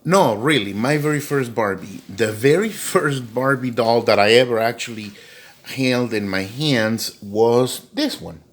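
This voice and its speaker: A middle-aged man telling a childhood story at home for his vlog, rambling with many fillers and jumping into a high voice for quoted lines. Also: a little slow. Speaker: doll collector vlogger.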